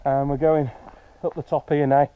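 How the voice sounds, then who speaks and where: A man's voice: a little high, little pitch movement, normal speed, clean tone, phone-quality sound. A man, chatting jokily while vlogging a hike outdoors on windy hills into a handheld camera. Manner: chatty, joking, loose with fillers. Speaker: hiking vlogger. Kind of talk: casual vlog narration.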